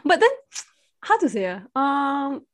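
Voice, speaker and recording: A woman's voice: high voice, very animated, unhurried, background noise. A woman with a Singaporean accent co-hosting a casual podcast in colloquial Singlish, dropping in Malay words and particles. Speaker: podcast co-host. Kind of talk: casual chat.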